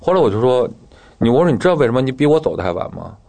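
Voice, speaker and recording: A man's voice: medium pitch, very animated, rapid-fire, vocal fry, warm tone. A man telling his own story in casual talk, acting out the dialogue as he goes, with guitar music behind him.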